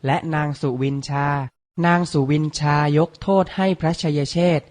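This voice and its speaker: A man hosting a children's reading lesson. He narrates a storybook tale and drills vocabulary with slow, deliberate, crisp enunciation and old-fashioned courtly politeness. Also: a little high, fairly even intonation.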